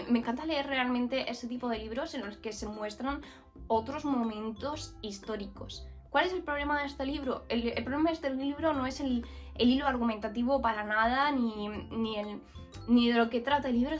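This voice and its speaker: A woman's voice: on the high side, moderate pace, faint music behind. A woman from Murcia, giving a casual, frank book review with many fillers and restarts. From Murcia, Spain. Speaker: book vlogger.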